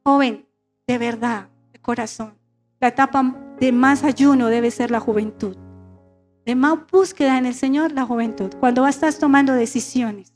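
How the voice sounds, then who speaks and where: A woman's voice: sits high, normal speed, darkish tone, faint music behind. A middle-aged woman pastor preaching a sermon and calling on her congregation to repeat phrases after her. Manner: call-and-response preaching, asking the congregation to repeat. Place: church sanctuary.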